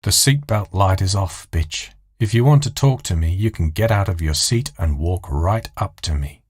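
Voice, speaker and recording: A man's voice: deep voice, expressive, normal speed, a little mellow, husky, no room sound. A man voicing a snide flight stewardess in an audio story, with a put-on politeness. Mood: sarcastic, irritated. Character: snide flight stewardess, falsely chirpy, bitter underneath.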